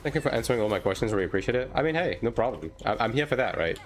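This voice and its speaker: A game streamer from France, a native French speaker, answers viewer questions in a casual livestream chat. He talks informally and hedges, often ending sentences with "right?", racing along at a middle pitch with lively intonation. Music plays faintly behind him.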